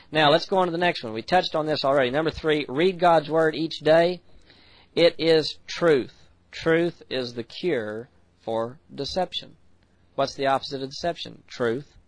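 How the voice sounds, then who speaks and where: An American man preaching a sermon, earnest, slowing down to read scripture and speeding up for quick asides. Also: mid-range voice, dry recording, poor audio. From United States. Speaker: pastor.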